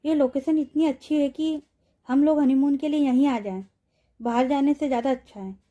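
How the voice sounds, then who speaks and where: A woman's voice: high-pitched, steady tone, moderate pace, dark tone, lightly acted. A woman doing a cheerful young groom-to-be. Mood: pleased.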